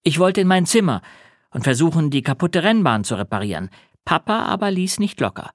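Male audiobook narrator, first-person story, animated, very lively pitch, dry close sound. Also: fairly quick, no room sound.

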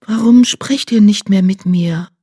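A reader voicing a withdrawn young male apprentice cat who mutters softly. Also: medium pitch, a little slow, breathy edge, no room sound, studio quality, voice pushed up. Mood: pleading. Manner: soft, muttering.

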